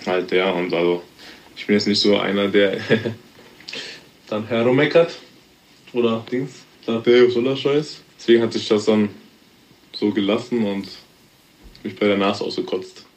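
This podcast guest is a man from Germany in his thirties, with a fairly low voice and an unhurried delivery broken by frequent pauses. He keeps the conversation relaxed and meandering, sprinkling in fillers and laughs.

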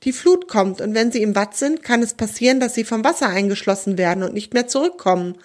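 A woman's voice: fairly high pitch, normal speed. A woman voicing an anxious father in a children's storybook, urgent and worried. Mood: panicked. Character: panicked adult father searching for his child.

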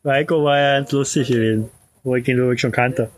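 A man's voice: medium pitch, fairly even intonation, a little fast. A man co-hosting an outdoor podcast, rambling casually with many hesitations and restarts. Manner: rambling, lots of fillers and restarts. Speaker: podcast co-host and author. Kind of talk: casual chat. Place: outdoors on his own estate.

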